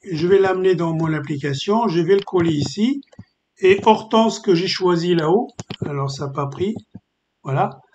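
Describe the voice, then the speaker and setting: A man with a slightly raised voice gives a screen-recorded coding tutorial. He explains at an easy pace with many hesitant filler pauses. The sound is dull and lo-fi, with a faint hiss underneath. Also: high voice, a little mellow. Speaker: software tutorial presenter.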